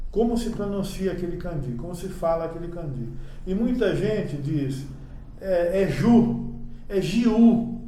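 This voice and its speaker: A man's voice: a little high, dark tone. A man giving a slide lecture on judo, explaining patiently and often checking in with "né?". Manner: explanatory, frequent "né?" tag questions. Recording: echoey room, distant mic.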